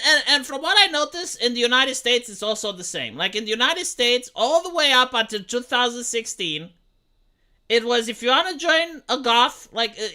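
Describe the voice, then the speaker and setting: Streamer in their 30s, bright voice, swears a lot, keeps restarting. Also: medium pitch, smooth. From Romania. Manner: rambling, profane, full of restarts. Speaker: livestreamer. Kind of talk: casual livestream commentary.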